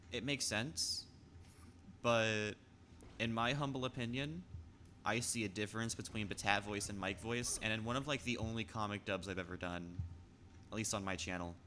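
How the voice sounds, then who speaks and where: Young guy streaming, rambly and stammery, kinda low but bright. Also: a little hiss or hum. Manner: rambling, stammers and restarts, reads chat aloud. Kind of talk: casual stream chat.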